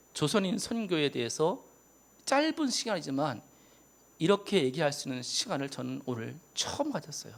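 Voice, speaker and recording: A man in his fifties preaching an impassioned sermon as a missionary, swinging from emphatic loud peaks to hushed whispers. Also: sits high, vocal fry.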